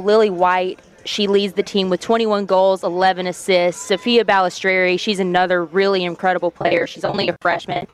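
A woman sports reporter, a little out of breath, talking enthusiastically as a guest on a live radio broadcast. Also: medium pitch. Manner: enthusiastic, repeats "incredible".

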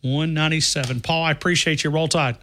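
A man's voice: on the high side, fairly even intonation, fast, a bit bright, slight background noise. A man hosting a call-in sports talk radio show, joking and rambling with callers. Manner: jokey, rambling.

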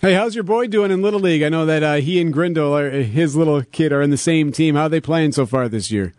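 A man works as a morning radio host in a close, dry studio sound. His voice sits a bit high for a man, and he chats in an easy, teasing interview style. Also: fast talker, darkish tone, no echo. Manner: joking, teasing. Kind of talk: casual bantering radio interview.

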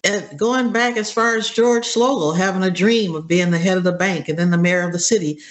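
A woman's voice: fairly low pitch, fairly quick. Upbeat seventy-year-old woman guest. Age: 70s. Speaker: interview guest. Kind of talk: casual interview chat.

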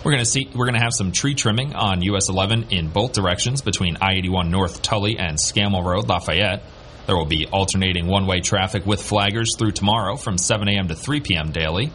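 A male local radio announcer reads a scripted bulletin in a low voice. There is faint noise behind him. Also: a little fast, a bit bright. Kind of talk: scripted traffic and weather bulletin.

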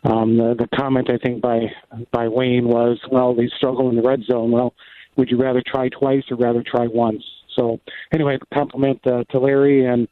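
A man's voice: medium pitch, little pitch movement, moderate pace. A man calling in to a sports radio show, talking hesitantly with many ums and restarts. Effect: phone line call into a radio show. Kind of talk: call-in comments to a sports talk show. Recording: tinny dry phone line.

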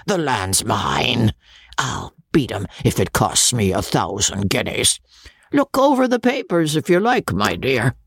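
A man's voice: mid-range voice, sing-song, measured pace, gravelly, fairly bright tone, slightly rough, no echo, clean studio sound, exaggerated voice. A man voicing a coarse, boastful old baronet who loves lawsuits, blustering with a vulgar edge.

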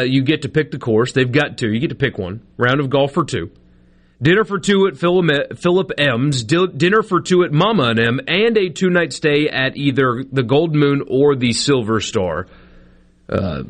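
An American man hosting live sports talk radio in a casual, conversational way, spelling out details for listeners. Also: mid-range voice.

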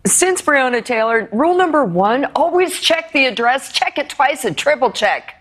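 A woman's voice: high-pitched, expressive, normal speed, fairly bright tone. A woman co-hosting a talk show, joking around in sassy banter. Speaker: co-host. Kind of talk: casual chat.

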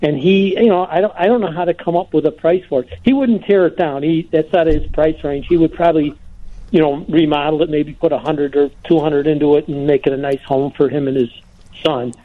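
A man's voice: a little high, steady tone, brisk. A man calling in to a radio show, hesitant and restarting his sentences. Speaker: caller. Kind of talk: phone call to radio show. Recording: tinny phone line.

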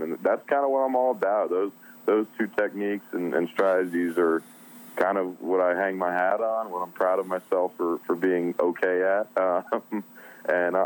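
A man in his twenties from New Jersey, a competitive angler talking excitedly as a guest in a casual interview. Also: deep voice, poor audio. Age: 20s. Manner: excited, upbeat.

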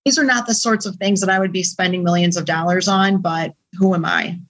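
A woman co-hosting a talk show, summing up a news story in a brisk, wry way. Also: on the low side, steady tone, poor audio. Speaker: co-host.

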